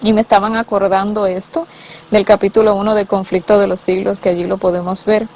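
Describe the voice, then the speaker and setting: A woman giving a personal testimony of a vision, halting with many fillers and restarts, and voicing the dialogue with feeling. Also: mid-range voice, level tone, darkish tone, a little hiss or hum, low-quality recording. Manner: quotes dialogue with emotion. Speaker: church member telling a vision.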